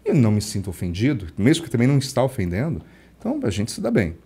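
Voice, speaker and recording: A man from Brazil, a leadership coach, explaining things quickly and acting out little dialogues as a guest. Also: medium pitch, slightly rough. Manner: quick, lively explainer who acts out dialogue. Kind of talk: casual interview chat.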